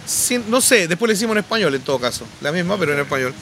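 Man, bright voice, animated storyteller, faint outdoor noise. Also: on the high side, rapid-fire. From Chile. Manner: animated anecdotes, frequent restarts. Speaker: podcast guest, musician. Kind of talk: casual storytelling.

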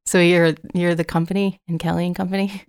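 A woman co-hosting a community radio talk show, relaxed and a little hesitant. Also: lowish voice, brisk, smooth, no room sound, studio quality. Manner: relaxed, hesitant, many ums.

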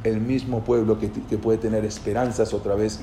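A man giving an informal history lecture, halting and repeating words as he goes and often checking in with his listeners. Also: fairly low pitch, level tone, mellow, slight background noise. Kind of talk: informal spoken lecture with storytelling.

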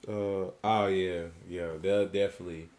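A man's voice: sits low, flat delivery, moderate pace, darkish tone. A man guesting on a podcast in casual chat, stating his opinions confidently and with emphasis.

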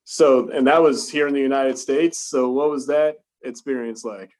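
A man's voice: mid-range voice, fairly even intonation, normal speed, a little mellow. A man interviewing an athlete, asking casual questions with many fillers and restarts.

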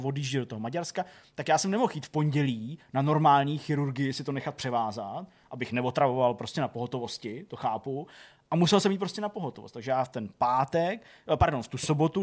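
Rambling, filler-heavy man in his thirties. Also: mid-range voice. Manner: rambling, constant filler words and restarts. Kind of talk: casual storytelling chat.

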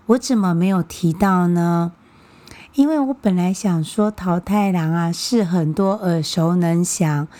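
Mellow-voiced woman hosting a language podcast. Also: medium pitch. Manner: friendly and patient, often repeating words for learners. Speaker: podcast host teaching Japanese. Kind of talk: casual explanatory podcast talk.

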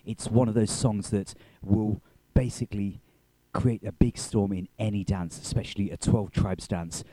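A man's voice: fairly low pitch, fairly even intonation, normal speed, warm tone, no room sound, poor audio. A man presenting a radio programme as its host.

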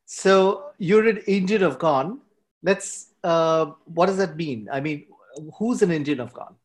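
A man hosting a podcast, asking questions softly with frequent fillers. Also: a little high, a little slow. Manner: soft-spoken, many fillers. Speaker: podcast host. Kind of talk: interview questions.

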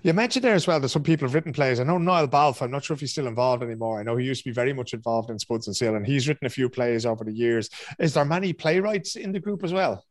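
Quick-talking male interviewer. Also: medium pitch. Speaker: interviewer, host. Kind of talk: casual conversational interviewing.

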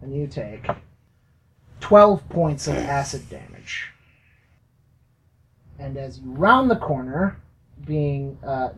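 Podcast game master, unhurried delivery, stops and starts, light background hiss. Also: mid-range voice, low-quality recording. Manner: slow, halting narration full of fillers. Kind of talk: narrating a tabletop game for a podcast.

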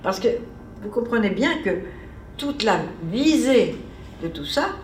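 Her voice sits on the high side with a sing-song lilt, moving a little slowly over slight background noise. She's a seminar speaker musing conversationally through an academic talk in a seminar room, picked up by a distant mic amid echo.

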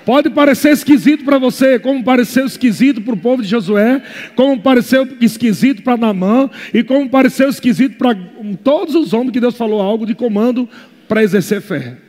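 A Brazilian man preaching a fervent sermon as pastor, moving between quiet asides and shouted exhortations. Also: very high-pitched, fairly quick, long reverb tail. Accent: Brazilian Portuguese.

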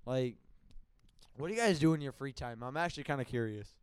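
A man's voice: medium pitch, lively intonation, fairly quick, clean tone, no echo. A teenage boy co-hosting a podcast in casual chat, bossy and teasing as he takes over the talk. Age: teens. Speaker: podcast co-host.

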